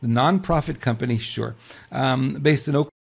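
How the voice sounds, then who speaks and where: A man's voice: mid-range voice, normal speed, vocal fry, breathy edge. An older man co-hosting a political news talk show, reading news aloud and commenting casually with rhetorical questions and frequent restarts.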